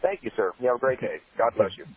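A man's voice: medium pitch, sing-song, fast talker, slightly rough, no room sound. A man calling in to a radio show over the phone, polite and friendly as he asks his question. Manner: polite and friendly, courteous sign-off. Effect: phone call-in heard over the radio. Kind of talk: call-in question. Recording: tinny phone line.

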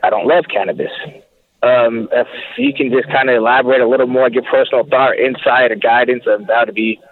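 A man phoning in to a radio show, hesitant and halting as he asks the host his question. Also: mid-range voice. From California. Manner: hesitant, halting with many ums. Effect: phone-line caller. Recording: tinny phone line.

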